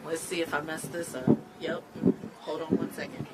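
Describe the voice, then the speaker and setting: A woman's voice: low voice, flat delivery, moderate pace. A woman speaker informally addressing a crowd at a rally. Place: outdoor rally before a crowd. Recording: very loud crowd and noise, outdoors.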